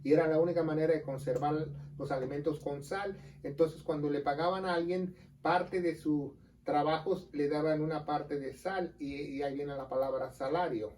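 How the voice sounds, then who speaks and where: A man's voice: a little high, fairly even intonation, a little mellow, recorded from a distance, slight background noise, poor audio. A man with a Mexican accent, a pastor teaching scripture in an earnest, casual conversation on a religious show. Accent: Mexican Spanish. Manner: earnest, explains scripture, quick aside jokes.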